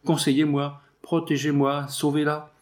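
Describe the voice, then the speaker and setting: A man's voice: on the high side, flat delivery, measured pace, pitched above the performer's own voice, close to an everyday voice. A man voicing a frightened young woman who pleads for help, in a storybook reading. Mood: distraught.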